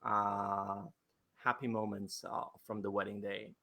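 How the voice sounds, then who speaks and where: A man's voice: on the low side, level tone, unhurried, creaky, pushed and bright. A male wedding photographer answering interview questions over a video call, hesitant, with many fillers and restarts.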